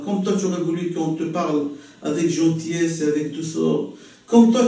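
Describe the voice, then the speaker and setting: A man voicing a patient old rabbi, soft and calm. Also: sits high, recorded from a distance, voice pushed down. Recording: very echoey room, voice from afar.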